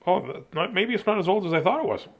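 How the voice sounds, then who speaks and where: A middle-aged man with a high-sitting voice, lively intonation and quick pace hosts a casual livestream. He chats and reads bedtime stories for children in a silly, rambling, self-deprecating way.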